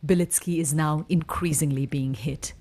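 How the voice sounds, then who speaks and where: A woman reporting as a war correspondent, narrating a scripted frontline news report in a grave, measured way. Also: low-pitched, fairly even intonation, warm tone.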